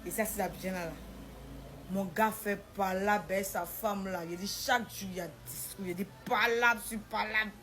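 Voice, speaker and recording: Animated woman telling her story. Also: mid-range voice, normal speed, faint music behind. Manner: animated, acts out the dialogue in a shifting voice. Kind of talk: personal storytelling.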